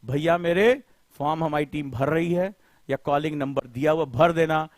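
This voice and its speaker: Man, middle-aged, live lecture, impassioned, rhetorical, high-pitched, dry recording. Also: moderate pace, dry recording. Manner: colloquial, addresses students directly. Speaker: coaching teacher.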